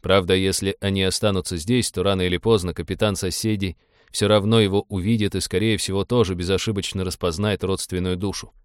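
A man narrates an audiobook in a steady, even storytelling voice. His voice sits low. The sound is close and dry. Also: fairly quick, clean tone, no room sound.

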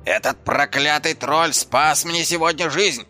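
Man playing a fiery dwarf watchman, tense bright voice, sarcastic rant. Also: fairly high pitch, measured pace, faint music behind. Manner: ranting, sarcastic. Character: hot-tempered young male dwarf guard.

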